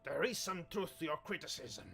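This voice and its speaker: A man's voice: on the high side, normal speed, vocal fry, bright, forceful tone, husky, soft background music, pitched above the performer's own voice, heavily acted. A man voicing a commanding lord captain who talks in a raised, indignant and imperious way.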